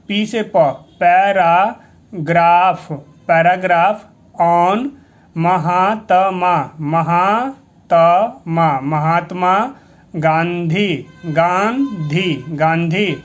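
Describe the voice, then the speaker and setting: A male English teacher giving a reading lesson, spelling out each word letter by letter and repeating it patiently. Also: sits high. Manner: spells words out letter by letter, drawing syllables out slowly.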